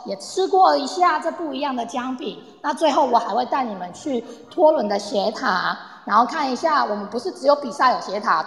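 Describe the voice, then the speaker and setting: In an amateur radio play, a woman plays a cheerful, eager tour guide who chats to her group as she explains, addressing them directly and ending sentences with soft particles. Her voice is high-pitched with vocal fry, and the online audio-room recording is echoey with long reverb.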